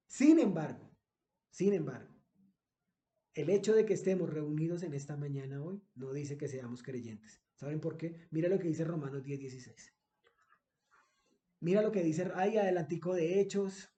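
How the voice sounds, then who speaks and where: A man's voice: high-pitched, mellow, reverberant. A man preaching a sermon as pastor. He repeats phrases for emphasis and asks the congregation rhetorical questions.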